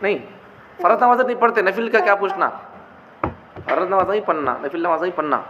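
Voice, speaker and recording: A man's voice: sits high, quick pace. A man giving a religious teaching talk, repeating his points and asking rhetorical questions. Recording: dull, echoey hall with faint noise.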